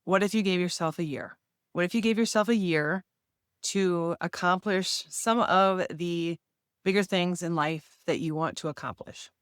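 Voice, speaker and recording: A woman's voice: on the low side, normal speed, clear, resonant tone, dry recording, clean studio sound. A woman in her forties talking casually and earnestly straight to the viewer about her fitness year. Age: 40s. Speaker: fitness vlogger. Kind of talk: casual direct-to-camera talk.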